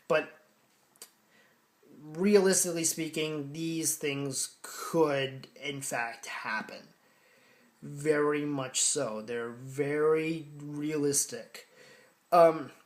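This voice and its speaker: Rambling male horror film reviewer. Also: on the high side. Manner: rambling, halting, frequent fillers and restarts, casual swearing.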